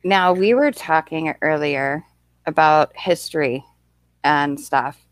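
A woman's voice: low voice, slow, dry recording. A young woman from the United States hosting a livestream, chatting in a rambling way and often thanking viewers. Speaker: livestream host. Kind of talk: casual stream chat.

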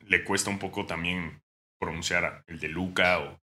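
A young man with a Mexican accent chats casually as a podcast co-host. His voice is bright and sits fairly low, and he jokes a lot, sometimes breaking into loud mock outrage. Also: fairly even intonation, moderate pace. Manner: joking, bursts into mock shouting. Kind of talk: casual chat.

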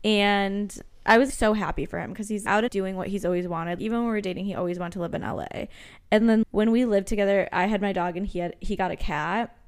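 A young woman co-hosting a casual podcast, telling stories in a chatty, animated way. She fills her talk with "like" and slips into quick laughs as she goes. Her voice sits at a middling pitch for a woman. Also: smooth. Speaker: podcast co-host. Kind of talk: casual chat.

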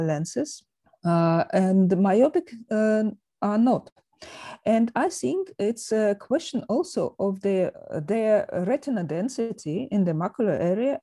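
A woman with a Russian accent speaking as a medical expert in a panel discussion, halting and pausing often as she searches for words. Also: medium pitch, dark tone, no echo, clean studio sound. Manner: hesitant, halting delivery with many pauses. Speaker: eye surgeon, panel guest.

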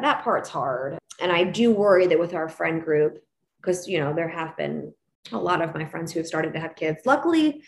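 A woman's voice: fairly low pitch, creaky, a little mellow, a little hiss or hum. A woman in her forties, a guest on an interview, speaking candidly and reflectively with frequent restarts and you-knows. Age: 40s. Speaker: guest, pediatric dentist.

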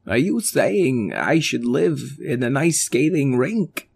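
Brief: storyteller as glum male alien, unhurried and a bit husky. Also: mid-range voice, very animated, a little mellow, exaggerated voice. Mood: downbeat. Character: shy, gloomy male snow alien.

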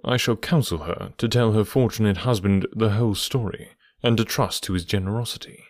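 Man reading a grave detective, deep and restrained, firm and level. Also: a little fast, no room sound, clean studio sound, close to an everyday voice. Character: cool, composed male detective, grave and firm.

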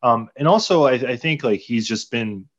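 A man's voice: medium pitch, lively intonation, normal speed. Male co-host, mid-range voice, casual sports talk, hesitant and rambling, muffled lo-fi recording. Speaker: podcast co-host. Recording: slightly dull, lo-fi audio.

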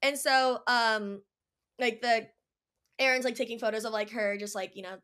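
This is a young woman chatting casually on a podcast, bubbly and quick to fill gaps with "like". Her voice is bright and sits a bit high. She sounds lively and eager. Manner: bubbly, many fillers like "like". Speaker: podcast guest. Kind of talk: casual chat.

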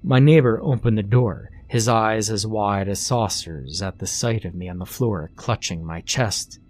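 Low-voiced man narrating a horror story. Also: a little slow, a little mellow. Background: faint music.

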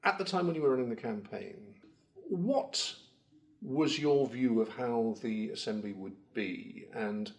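A man hosting his own interview podcast, asking measured questions. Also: medium pitch. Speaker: podcast host and reporter.

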